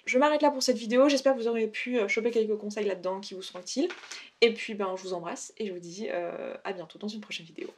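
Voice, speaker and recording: A woman's voice: mid-range voice, quick pace. A young woman from France giving casual advice in a vlog, chatty, with frequent fillers and self-corrections. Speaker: YouTuber.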